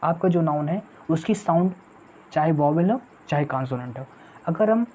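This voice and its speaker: A woman's voice: deep voice, lively intonation, normal speed, dark tone. A woman teaching an online exam-prep English lesson. She repeats herself often, calls the viewers friends, and asks questions she then answers. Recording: dull lo-fi audio with faint noise.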